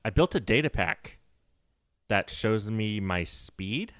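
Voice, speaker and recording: Taking it slowly, a man with a fairly low, bright-ish voice and lively intonation chats while playing a game on stream. The studio-quality audio has no room sound, and his talk is rambling, nerdy, laughter-filled and self-correcting.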